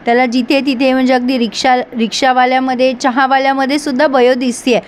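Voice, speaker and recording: A woman talks through a serial episode like a casual chat with viewers. She reads out the characters' lines in her own fairly high voice rather than acting them. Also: flat delivery, quick pace, slight background noise. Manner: retells scenes and reads characters' lines in her own voice, laughs now and then. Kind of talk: casual recap narration.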